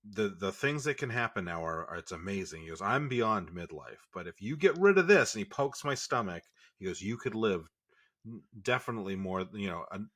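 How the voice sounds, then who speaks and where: Man in his late 30s, very low voice, bright and forceful, rambling podcast host. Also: lively intonation, a little fast. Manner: rambling, self-interrupting. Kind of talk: casual storytelling chat.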